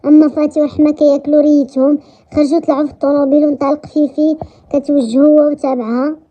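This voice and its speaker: A woman with a Moroccan accent narrating a first-person romance story in a brisk, chatty way. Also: high-pitched, mellow. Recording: dull lo-fi recording.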